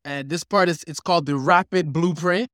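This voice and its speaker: A man hosting a podcast, upbeat, who reacts briefly and then asks his guest the next question. His voice sits fairly high and the recording is dry. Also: normal speed, fairly bright tone, no echo. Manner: upbeat, short reactions before asking questions. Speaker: podcast host. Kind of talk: podcast interview.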